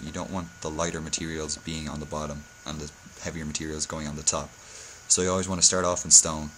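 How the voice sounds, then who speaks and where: A man's voice: extremely low pitch, a bit bright, slight background noise, low-quality recording. A hungover man giving a casual game-building tutorial, speaking hesitantly and often correcting himself. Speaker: video tutorial host.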